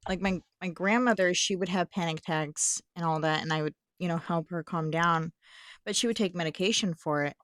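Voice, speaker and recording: A woman's voice: on the low side, fairly quick, fairly bright tone, no room sound, studio quality. A young woman talking frankly about her own experience in a casual chat. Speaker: co-host.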